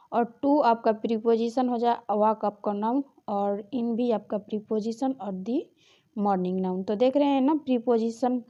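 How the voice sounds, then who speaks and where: A woman's voice: fairly high pitch, mellow, lo-fi sound. A woman teaching an exam-prep grammar lesson, explaining patiently and often checking in with her students. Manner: explanatory, repeats key points and checks with "ठीक है".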